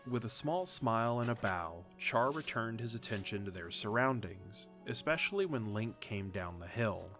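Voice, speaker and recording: A man with a fairly low voice tells a story in a steady, measured way while soft music plays faintly beneath him.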